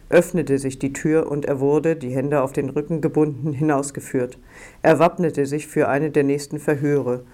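A man narrating an audiobook in a slow, measured, deliberate way. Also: fairly high pitch, dark tone. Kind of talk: scripted narration.

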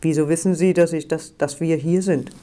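A man doing a battered, weary prisoner in an audiobook, answering in short guarded phrases. The voice is mellow and slightly high. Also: steady tone, normal speed, close to an everyday voice. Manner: terse, guarded.

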